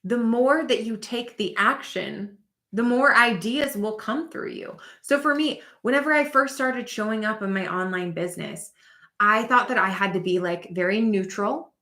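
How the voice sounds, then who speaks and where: A woman in her thirties, a business coach, teaching in a casual, animated way with lots of asides to the listener. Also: mid-range voice, reverberant. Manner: animated and chatty, lots of "like" and "you know what I mean".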